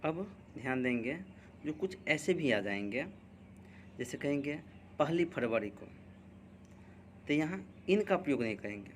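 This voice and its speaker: A male teacher giving an English grammar lesson, dictating example sentences slowly and deliberately. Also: medium pitch, animated, a little hiss or hum. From India.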